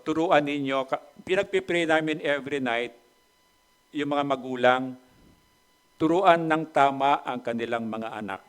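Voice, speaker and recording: A middle-aged man from the Philippines preaching a sermon. He often asks the congregation questions, and his voice swings between loud, emphatic bursts and quiet asides. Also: medium pitch. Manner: mixes Tagalog with English phrases, asks the congregation questions. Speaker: pastor.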